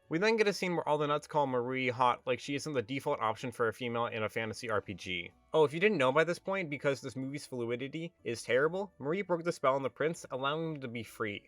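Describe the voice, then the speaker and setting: A man's voice: mid-range voice, fairly bright tone, no echo. A man giving a comedic, scripted movie review as a voice-over, sarcastic and exasperated, often ranting. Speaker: video reviewer.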